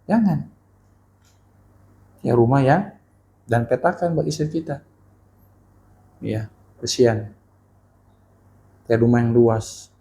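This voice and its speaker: A man's voice: mid-range voice, measured pace, pauses often, a little hiss or hum. A male Islamic teacher giving a casual sermon to young people. He talks in a slangy, colloquial way and keeps firing questions at his listeners. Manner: animated, keeps quizzing the audience.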